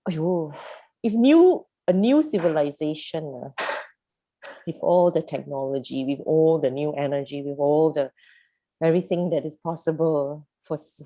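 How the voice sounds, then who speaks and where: Woman, youth program facilitator, warm low-ish tone, keeps asking rhetorical questions, heard over a call. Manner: emphatic, full of rhetorical questions. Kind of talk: animated group coaching.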